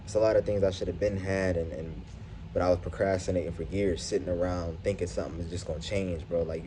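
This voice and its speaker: At his workplace, a YouTube vlogger delivers a casual, earnest motivational monologue to the camera through a face mask, so he sounds slightly muffled. He speaks straight to viewers in slangy, profane language, with a low, mellow voice and slight background noise.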